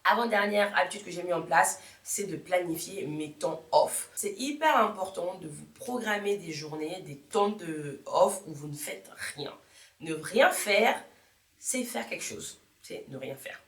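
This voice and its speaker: A woman's voice: on the low side, expressive, unhurried, fairly bright tone. Chatty woman vlogger in an echoey room. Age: 30s. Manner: chatty, repeats words for emphasis, rambles and self-corrects. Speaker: YouTuber. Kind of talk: casual motivational vlog talk.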